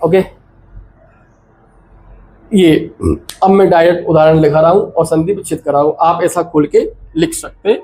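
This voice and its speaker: A man's voice: fairly high pitch, fairly even intonation, moderate pace, long pauses, mellow, low-quality recording. A man teaching Sanskrit grammar. He asks questions, answers them himself, and calls his students "beta". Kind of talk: classroom lecture at a board.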